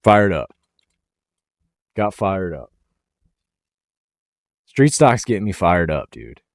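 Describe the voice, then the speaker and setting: A man hosting a racing talk show, talking casually and with excitement, pushing hard on key words and then trailing off quietly. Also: low voice, slow, no echo, clean studio sound. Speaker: racing podcast host.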